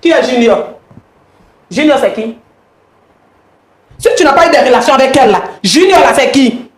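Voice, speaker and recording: A woman's voice: high voice, animated, normal speed, echoey room. A woman confronting her husband on a mediation show, accusing him and repeating her questions insistently. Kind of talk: heated confrontation.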